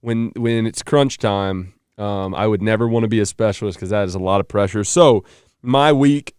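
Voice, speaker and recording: Low, smooth-voiced man cohosting. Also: darkish tone, no echo, clean studio sound. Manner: joking, quick banter. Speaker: podcast co-host. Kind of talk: casual sports chat.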